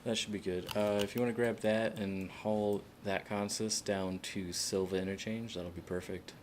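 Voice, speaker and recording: A man streaming a game, chatting casually with other players in a relaxed, hesitant way with many fillers. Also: fairly low pitch, normal speed, slight background noise. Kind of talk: casual voice chat while playing.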